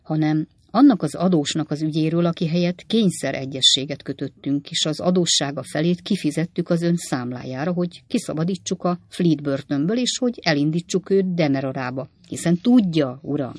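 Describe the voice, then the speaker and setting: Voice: medium pitch, hardly any pauses, dry recording, studio quality, natural voice. Lauten, a reader doing a flippant young clerk. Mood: mocking. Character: cynical young male law clerk, flippant.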